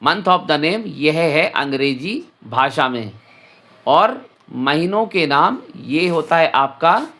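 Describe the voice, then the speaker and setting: A man's voice: on the high side, expressive, takes it slowly, bright, forceful tone. A male teacher giving a children's English lesson, addressing the children directly and spelling each word out letter by letter before repeating it.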